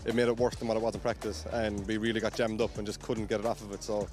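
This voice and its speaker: A man's voice: fairly low pitch, flat delivery, fast, darkish tone, soft background music. A man, a drift driver, talking through a bad run in a trackside interview, frustrated and rambling. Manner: frustrated, rambling, nervous laughs.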